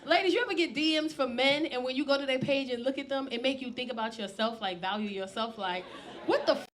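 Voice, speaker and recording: High-pitched New woman, brash stand-up, profane, crowd work, handheld mic. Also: fast talker, fairly bright tone. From South Bronx, New York. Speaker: stand-up comedian. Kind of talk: stand-up set. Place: comedy club stage.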